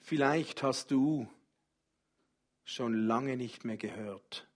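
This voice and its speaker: A man preaching a sermon as pastor, speaking slowly and gently and inviting the congregation to worship. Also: mid-range voice. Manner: slow, gentle, speaks softly in personal address.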